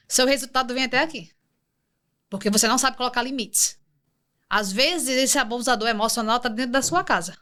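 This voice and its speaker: Bright-voiced emphatic woman speaker. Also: fairly high pitch. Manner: emphatic, speaks directly to the listener. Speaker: guest, emotional leadership specialist. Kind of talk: motivational podcast talk.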